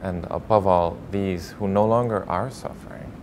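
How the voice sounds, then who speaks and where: A man speaking as a priest in a conversational faith discussion, his voice very low. He talks in a gentle, measured, reflective way. A clear background rumble runs under him.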